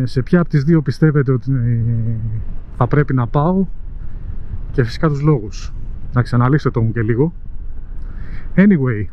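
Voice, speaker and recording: A man's voice: mid-range voice, dull audio. A man with a Greek accent vlogging from his motorcycle on city streets, chatting casually and teasing his viewers. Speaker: motovlogger. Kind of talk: casual chat while riding.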